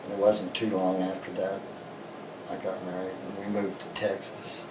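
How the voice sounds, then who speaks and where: An older American man, a veteran, remembering his past in an interview in a halting, plain-spoken way. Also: deep voice, monotone. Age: older, 60s or above. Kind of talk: personal reminiscence in an interview. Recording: roomy, distant mic, noisy background.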